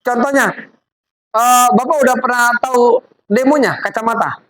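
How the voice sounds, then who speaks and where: This is a woman with a voice on the high side, speaking at normal speed over poor audio and audience crowd noise. She presents MLM products in a live demonstration to a group, chatting and coaxing as she directs volunteers.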